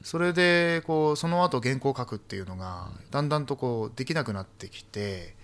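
A man in his thirties or forties, a poet guest talking in a halting, soft-spoken way with many fillers. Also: medium pitch, lively intonation. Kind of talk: casual talk-show conversation.

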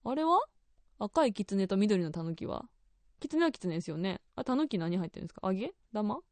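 A woman's voice: medium pitch, sing-song, quick pace, darkish tone, no room sound. A young woman with a Kansai accent hosting a radio show, chatty and laughing often. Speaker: radio host.

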